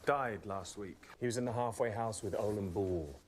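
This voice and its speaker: An actor playing a grieving widowed doctor who talks in a measured, matter-of-fact way. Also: male voice, on the low side, slight background noise, lightly acted.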